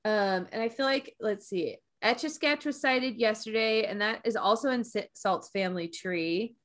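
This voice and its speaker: A woman co-hosting a casual podcast, chatty and quick to laugh. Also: on the high side. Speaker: podcast co-host, science researcher.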